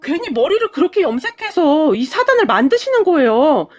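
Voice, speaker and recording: Lady voicing a whiny fed-up husband, pleading, pretty high pitched. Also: big pitch swings, a little fast. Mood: whining. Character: exasperated adult son, narrator's husband.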